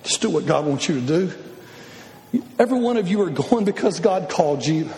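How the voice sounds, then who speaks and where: A man preaching a sermon to missionaries, animated, with shouted bursts and acted-out voices. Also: fairly high pitch, brisk. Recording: echoey hall.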